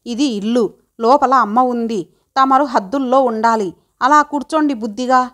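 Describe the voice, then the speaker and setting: A woman's voice: on the high side, normal speed, a bit bright, lightly acted. A woman voicing a young woman in love in a storybook reading, pouting and earnest. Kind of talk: audiobook character reading.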